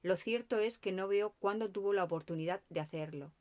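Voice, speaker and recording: A woman's voice: mid-range voice, a little fast, lightly acted. A woman reading the lines of a methodical male police inspector in an audiobook, matter-of-fact and businesslike.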